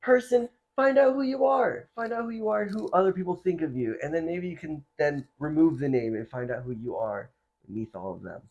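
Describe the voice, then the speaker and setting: A man from Florida hosting a casual podcast chat, animated and laughing, with lots of filler words. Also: a little high, fairly quick, creaky, dull audio. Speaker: podcast host.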